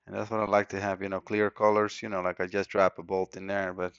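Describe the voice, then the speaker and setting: A low-pitched man speaks quickly with little pitch movement, his voice clear and resonant in a dry recording. Originally from Costa Rica and a native Spanish speaker with a Costa Rican accent, he mutters casually to himself over an electronics repair at his indoor workbench. Sound is dull and lo-fi, from an action camera mic.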